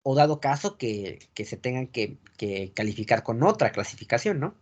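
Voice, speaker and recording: A man with a Mexican accent teaching a class, often checking that students follow and filling pauses with "este". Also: medium pitch, sing-song. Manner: keeps checking the class follows, asking "sale?"; frequent filler "este" and restarts. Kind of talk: classroom lecture. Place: classroom with a board.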